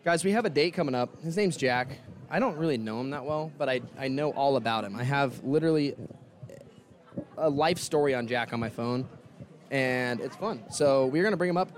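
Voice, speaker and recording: A man's voice: mid-range voice, fairly quick. Joking male dating show host, noisy. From Kansas. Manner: joking, loose and rambling with restarts. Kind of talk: casual chat.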